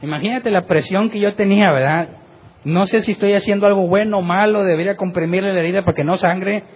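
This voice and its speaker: Speaking high, fast, and a little breathy, a middle-aged male pastor shares a vivid personal story as a sermon testimony, often tacking questions onto his sentences. The audio quality is lo-fi.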